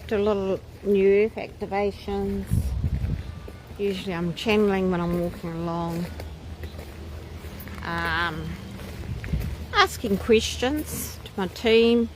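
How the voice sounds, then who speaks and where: With a mid-range voice, she speaks slowly and leaves long pauses while leading a nature walk through the woods. Her live commentary is casual and musing, punctuated by exclamations of wonder, and the outdoor recording carries ambient noise and chirping birds.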